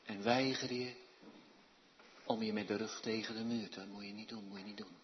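Fervent preacher with big church echo. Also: male voice, lowish voice, level tone, moderate pace, slight background noise. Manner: swings from hushed to loud fervent calls. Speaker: pastor. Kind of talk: sermon. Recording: dull sound with long church reverb.

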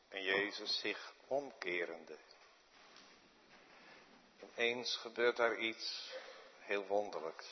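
A man preaching a sermon in a church, slow and dramatic, with sudden hushed drops. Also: lowish voice, dull audio, a little hiss or hum. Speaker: pastor.

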